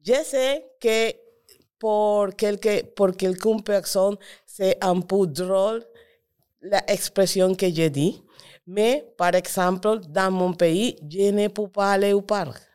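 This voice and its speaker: Woman, foreign Latin American Spanish accent in French, smooth clear voice, quick bursts, halting word searches, casual interview guest. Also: medium pitch, darkish tone. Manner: halting, searching for words in non-native French.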